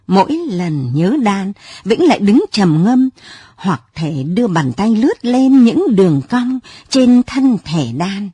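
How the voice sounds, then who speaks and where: Female narrator, lyrical late-night story reading, lively pitch, warm husky tone. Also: dry recording. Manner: soft, lyrical, unhurried reading.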